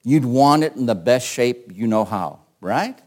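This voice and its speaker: A man's voice: mid-range voice, expressive, a little slow. A male pastor preaching a sermon and reading scripture aloud, often asking the congregation rhetorical questions.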